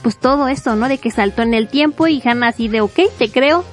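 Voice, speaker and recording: A woman casually retelling a manga plot, animated and chatty, laughing often and acting out the characters' lines. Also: on the high side, quick pace, faint music behind. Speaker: manga reviewer.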